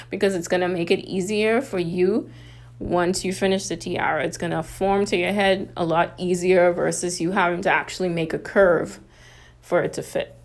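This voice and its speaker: A Bahamian woman with a Bahamian accent hosts a casual, chatty how-to craft tutorial, talking through each step in a medium-pitched voice.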